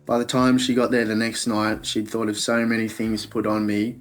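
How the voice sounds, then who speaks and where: A man's voice: on the low side, little pitch movement, fairly quick, soft background music. An Australian man, an actor, chatting in a casual interview.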